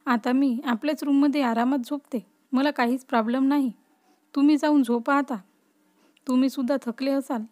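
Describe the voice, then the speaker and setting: Lively young woman in a family story, high and mellow, as the narrator voices her. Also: normal speed, lightly acted.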